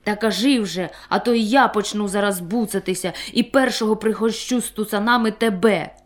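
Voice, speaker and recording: A woman's voice: medium pitch, a little fast, close to an everyday voice. A woman voicing a grumpy young male goat kid in a storybook tale, huffy and threatening.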